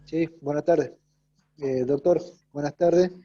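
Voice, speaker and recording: A man asking a long, halting question in a class, with many fillers. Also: a little high, steady tone, warm tone, muffled recording.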